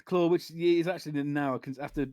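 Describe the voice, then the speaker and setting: A man's voice: a little high, steady tone, normal speed, a little mellow, dry recording. British man chatting, close dry sound. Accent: modern British, broadly RP. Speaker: co-host of a league draw stream. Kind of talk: casual group chat.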